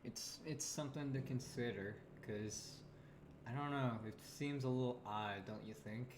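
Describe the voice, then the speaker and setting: A man's voice: medium pitch, normal speed, a little hiss or hum. A man playing a tabletop horror game on stream, wondering aloud with many fillers. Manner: curious, thinking aloud with fillers. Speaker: player and stream host. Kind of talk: casual tabletop game chat.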